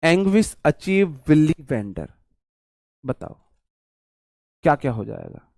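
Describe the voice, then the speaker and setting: A man teaching vocabulary to an online class, his voice sitting a little high. He repeats each word several times and builds memory tricks, calling his viewers brother. The sound is dry and close, with no room around it. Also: sing-song, slow, vocal fry, a little mellow, no room sound.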